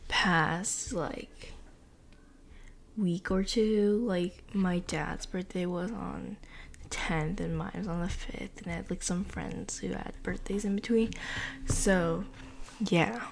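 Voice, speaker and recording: A teenage girl chats casually on her own podcast, rambling along in a slow, unhurried way. Her voice has a gravelly, fried edge and often drops to a soft half-whisper. She stops often and fills the gaps with small fillers. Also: on the low side, fairly even intonation, slight background noise. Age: teens. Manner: rambling, halting, heavy on fillers. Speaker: podcast host. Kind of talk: casual chat.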